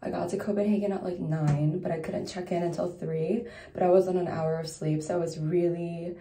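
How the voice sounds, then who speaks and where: A woman's voice: lowish voice, mellow, roomy sound. A young woman in her twenties narrating a casual travel vlog, chatty and upbeat. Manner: chatty, upbeat, run-on storytelling. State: groggy, just woke up, soft low voice. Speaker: travel vlogger.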